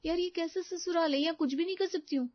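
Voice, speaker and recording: A woman's voice: extremely high pitch, fast talker, no echo, voice pushed up. A woman playing a grumbling young daughter-in-law. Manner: grumbling, exasperated. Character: young daughter-in-law, put-upon and complaining. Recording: slightly dull, dry close recording.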